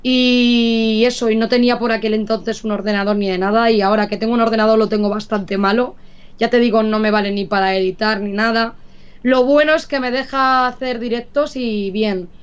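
A woman's voice: on the high side, fairly even intonation, fairly quick, clean tone. A young woman from Madrid, with a slight Andalusian touch to her speech, chats casually as a guest streamer on a video call from her home. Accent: Madrid Spanish with an Andalusian touch. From Madrid, Spain. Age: young adult. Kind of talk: casual interview chat. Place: home room with pets. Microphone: video call, webcam mic. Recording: dull lo-fi video call audio.

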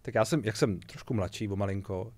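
50s guy hosting an interview, lowish voice, calm dry questions. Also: no room sound. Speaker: interviewer host. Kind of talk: casual interview chat.

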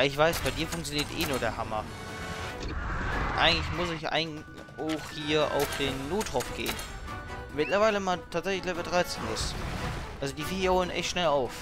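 A man's voice: on the high side, normal speed, pauses often. A man giving casual let's play commentary, thinking aloud in an informal, grumbling way. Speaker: let's player, streamer. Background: game music and sound effects.

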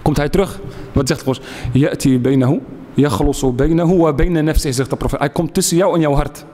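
A man's voice: fairly high pitch, quick pace, warm tone, in a large hall. A man giving a sermon, emphatic, repeating key phrases and asking and answering his own questions. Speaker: speaker giving a religious lecture. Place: lecture hall.

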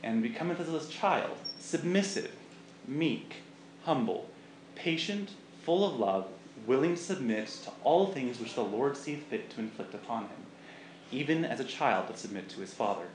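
A man giving an expressive recitation of scripture. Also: mid-range voice, moderate pace. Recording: echoey room with faint noise.

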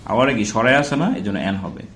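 A man's voice: on the low side, racing, a bit bright, soft background music. Echoey male teacher asking rhetorical questions. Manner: checks in often with rhetorical questions; spells and repeats example words aloud. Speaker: English grammar teacher. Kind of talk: informal classroom-style grammar lesson.

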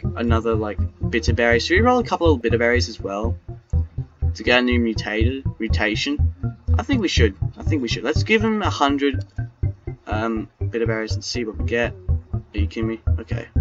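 A man giving casual, rambling commentary over his own gameplay, often repeating and restarting phrases. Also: mid-range voice. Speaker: gaming YouTuber. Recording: dull lo-fi mic with background music.

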